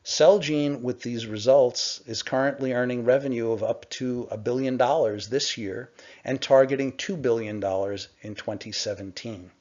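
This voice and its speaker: A middle-aged man on a conference call, presenting to investors in a measured, explanatory way with frequent "uh" pauses. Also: medium pitch, a little mellow. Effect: conference call line. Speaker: company executive presenting to investors. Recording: dull lo-fi conference call audio.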